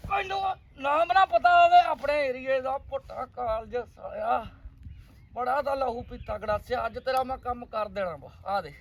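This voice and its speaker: A man in a rural comedy sketch, scolding and threatening with loud bursts, then coaxing gently. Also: very high-pitched, normal speed, far from the mic, poor audio.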